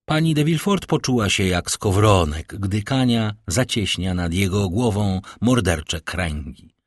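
A man narrating a classic novel as an audiobook in a dramatic, expressive way. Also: fairly low pitch, a little slow, no echo. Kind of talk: scripted literary narration.

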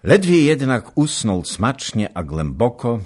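A man narrating a historical novel in an audiobook, reading in an unhurried, expressive way. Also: medium pitch. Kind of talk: scripted literary narration.

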